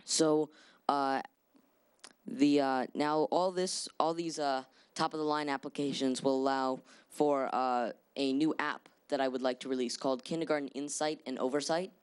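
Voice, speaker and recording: A male speaker presents a proposal to a board and fields questions from trustees. His voice is smooth and clean at an average pitch. He sounds sure of himself, though he leans on "uh" and "so" between thoughts. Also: steady tone, moderate pace. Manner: confident, hesitant fillers, many "uh"s. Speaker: presenter at a mock school board meeting. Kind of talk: formal presentation and answering questions.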